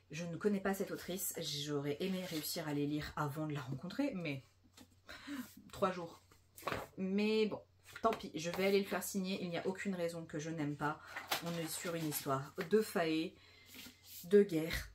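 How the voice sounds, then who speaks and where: A woman's voice: mid-range voice, a little hiss or hum. A woman chatting casually and enthusiastically about new books in a book vlog, saying she is a bit tired. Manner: chatty and enthusiastic, many fillers. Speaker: book vlogger.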